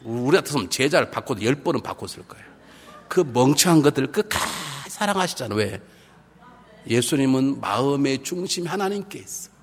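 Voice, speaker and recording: A male pastor giving a revival sermon, animated and humorous, swinging between hushed and loud and acting out quoted voices. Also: mid-range voice, a little fast, breathy edge. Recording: reverberant hall with faint background noise.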